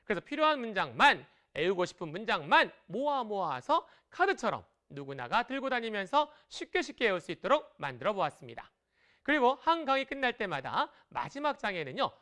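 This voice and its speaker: A woman teaches a broadcast language lesson in a lively, encouraging way. Her voice sits fairly high and rises and falls a great deal as she explains. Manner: lively and encouraging, drawing out example tones.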